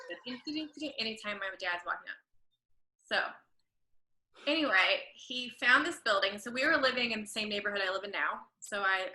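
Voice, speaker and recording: A woman's voice: mid-range voice, pushed and bright, reverberant, low-quality recording. A woman, a guest telling a long story in a chatty, rambling way and correcting herself as she goes. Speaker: podcast guest, florist and creative director. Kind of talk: casual storytelling interview.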